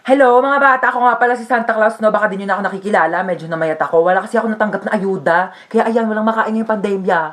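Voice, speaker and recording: A woman's voice: medium pitch, steady tone, racing, hardly any pauses, a little hiss or hum. A woman performing comedy skits, switching playfully between several everyday characters. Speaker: comedy sketch creator.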